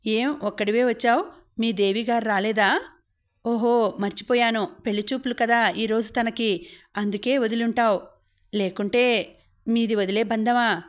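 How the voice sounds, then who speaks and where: A woman's voice: on the high side, fairly even intonation, a little slow, pauses often, lightly acted. A woman voicing a scheming young man who mocks and needles his friend in an audiobook. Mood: taunting. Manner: mocking, needling.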